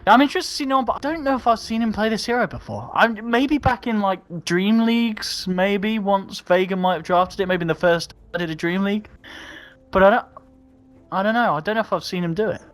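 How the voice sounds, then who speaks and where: A male esports co-caster with a slightly raised pitch and a laid-back, joking delivery. He restarts his sentences often as he chats through the match. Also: fairly quick, no echo, soft background music. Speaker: esports commentator. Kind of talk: live game commentary.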